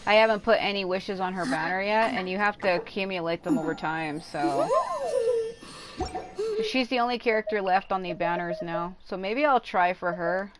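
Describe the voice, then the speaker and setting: Heavy background noise and game music surround a woman livestreaming a game at a moderate pace. Her medium-pitched chat is rambling and informal, with some casual swearing mixed in.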